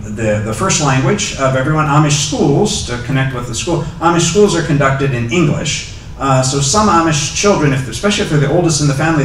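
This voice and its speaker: At the podium of a lecture hall, a middle-aged guest lecturer with a mid-range voice fields audience questions through a handheld microphone. He hesitates often, with many ums and restarts; the recording is distant and echoey, with slight hiss or hum.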